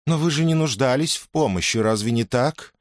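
A man's voice: medium pitch, fairly quick, dry recording, studio quality, pitched above the performer's own voice, natural voice. A man reading aloud and voicing a shapeshifting fox-woman of the forest, cool and assured. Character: fox turned woman, cold forest spirit.

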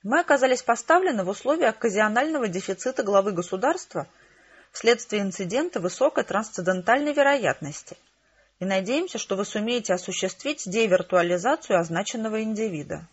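A woman's voice: mid-range voice, animated, brisk, husky, muffled recording. Woman reading as a pompous security colonel. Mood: formal. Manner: bureaucratic officialese.

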